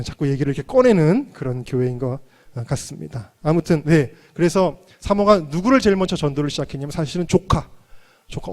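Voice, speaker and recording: A male pastor preaching at a church revival meeting, mixing in humorous stories from his own family. His voice sits a little higher than most men's. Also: darkish tone. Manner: humorous personal storytelling.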